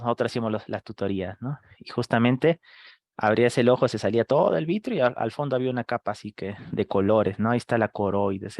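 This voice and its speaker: A man teaching a live online medical class, firing quick questions at students and acting out screaming patients. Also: medium pitch, a little mellow, dry recording. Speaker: medical lecturer.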